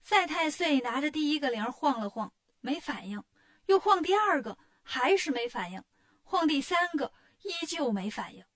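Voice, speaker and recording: A woman narrating a children's story in a lively, sing-song, expressive way. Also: sits high, normal speed.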